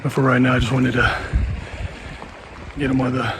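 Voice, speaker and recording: A man's voice: medium pitch, little pitch movement, fairly quick. A man vlogging casually to his handheld camera on a lakeshore outdoors, out of breath from hiking. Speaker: travel vlogger. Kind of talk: on-location vlog talk. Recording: noisy outdoor camera audio.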